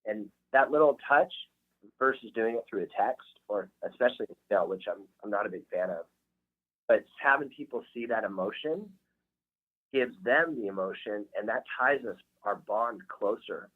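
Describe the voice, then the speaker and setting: A man's voice: lowish voice, moderate pace, husky. Man on a tinny phone line. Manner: earnest, heartfelt storytelling. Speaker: realtor guest. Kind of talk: storytelling podcast interview.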